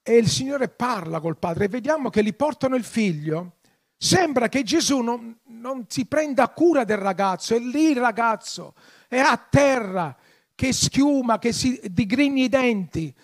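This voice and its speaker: A man preaching a sermon, passionate, swelling into loud, emphatic appeals. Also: extremely high pitch, animated, normal speed. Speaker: pastor.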